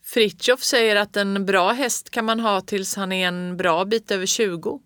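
A reader voicing a stubborn, upset six-year-old farm boy who shouts over a snowstorm. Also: medium pitch, fairly even intonation, no echo, studio quality, close to an everyday voice. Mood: pleading.

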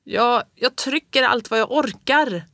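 A reader voicing a stubborn, upset six-year-old farm boy who shouts over a snowstorm. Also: mid-range voice, no room sound, studio quality, voice pushed up. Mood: pleading.

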